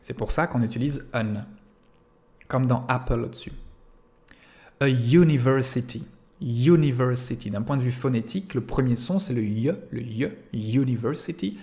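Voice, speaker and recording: A man's voice: mid-range voice, moderate pace, a little mellow. Young french-speaking guy doing a grammar video lesson, lots of eh bien, walks through examples one by one. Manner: explains step by step, asks rhetorical questions, many "eh bien" fillers. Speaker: English grammar teacher.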